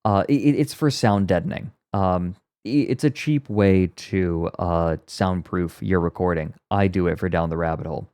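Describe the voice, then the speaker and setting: Reacting to a video on his stream, a man rambles and explains in a casual way, tossing in wry asides. His pitch is low, his speed normal with hardly any pauses, and his tone clean and a little mellow. Because he records under a blanket with a close mic for sound deadening, his voice is muffled, yet the sound is studio-clean with no echo.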